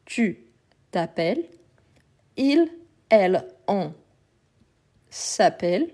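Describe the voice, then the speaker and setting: A woman's voice: medium pitch, sing-song, drawn-out words, mellow. A woman teaching French grammar in a live lesson, patient and methodical, repeating examples step by step, Portuguese her first language.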